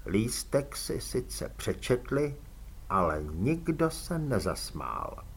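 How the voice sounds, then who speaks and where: A man narrating an audiobook in measured, expressive storytelling. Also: mid-range voice, breathy edge. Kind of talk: scripted narration.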